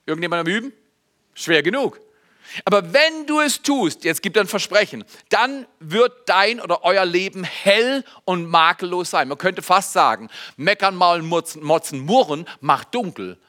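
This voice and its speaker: Bright, high-voiced man preaching. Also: normal speed. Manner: animated, swings between loud emphasis and quiet asides; addresses the congregation directly. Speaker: pastor. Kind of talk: sermon. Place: church service.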